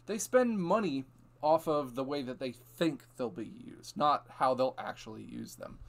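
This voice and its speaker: A man from Ohio hosting a casual live stream, telling lively dealership stories with frequent laughs. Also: mid-range voice, moderate pace, vocal fry. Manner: animated storytelling, laughs often. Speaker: host.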